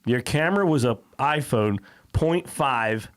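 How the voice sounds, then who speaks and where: A man's voice: mid-range voice, expressive, unhurried, clean tone. A man co-hosting a casual podcast, blunt and sweary, his voice heavily compressed on a close mic. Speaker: podcast co-host. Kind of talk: casual chat. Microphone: close podcast microphone with heavy compression.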